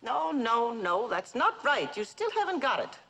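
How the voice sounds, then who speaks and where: A woman's voice: on the high side, sing-song, measured pace, gravelly, pushed and bright, full character voice. An actress playing an imperious, ailing older woman who scorns her son, in a 1960s television drama. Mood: commanding. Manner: commanding, cutting, theatrical.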